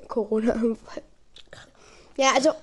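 A woman's voice: on the high side, fairly even intonation, slow pace. A young woman chatting casually and telling bad jokes as a podcast host, silly and easily breaking into giggles. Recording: clearly noisy amateur home recording.

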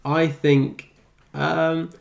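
A man's voice: fairly high pitch, level tone, extremely slow, creaky. A man co-hosting a film podcast, talking hesitantly with ums and dry humour. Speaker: podcast co-host. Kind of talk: casual chat.

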